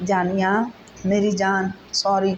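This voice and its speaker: A woman's voice: mid-range voice, completely flat delivery, muffled recording, a little hiss or hum, natural voice. A woman reading the lines of an anguished young husband, pleading and blaming himself after a temper outburst. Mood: remorseful. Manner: pleading, self-reproaching.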